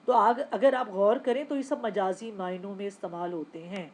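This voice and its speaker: A woman's voice: medium pitch, steady tone, darkish tone. A woman teaching a recorded Urdu class, explaining step by step and answering her own questions, with a Pakistani Urdu accent. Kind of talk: recorded lecture.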